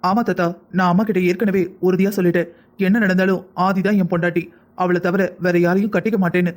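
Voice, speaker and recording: A man's voice: high-pitched, level tone, fast, close to an everyday voice. A man voicing an earnest young groom. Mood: firm. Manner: earnest, explaining. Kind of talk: cartoon family drama acting.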